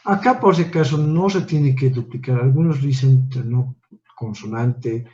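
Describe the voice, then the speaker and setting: Through lo-fi sound, a male teacher with a warm, medium-pitched voice lectures at a measured pace. He explains each step in turn and often adds short checks like "¿no?" and "¿ya?" for his listeners.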